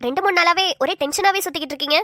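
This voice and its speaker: Woman voicing a very high, worried young wife. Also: very fast, pushed and bright, no room sound, studio quality. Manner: pleading, fretful.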